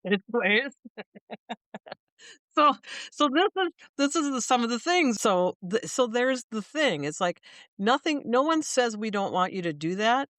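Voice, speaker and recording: Appearing as a guest, a middle-aged woman from Minnesota who runs a small business talks casually in an interview, often restarting and leaning on examples to explain herself. Very animated and fairly bright, her voice sits on the high side at a moderate pace, with studio-quality sound and no room sound.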